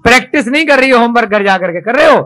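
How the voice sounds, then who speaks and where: A man teaching children to write a script in a classroom, coaxing and praising them and spelling out each stroke slowly. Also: very high voice, animated, pushed and bright, rough recording.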